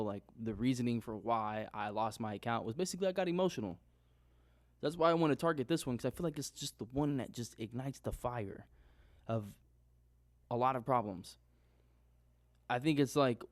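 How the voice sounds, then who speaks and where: A young man thinks out loud in a loose, unscripted monologue, circling back on his points and restarting sentences as he goes. His voice sits at an ordinary pitch. The sound is dry and close, recorded on his own microphone in a small room. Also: dry recording. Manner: rambling, self-questioning, restarts often. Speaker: trading vlogger.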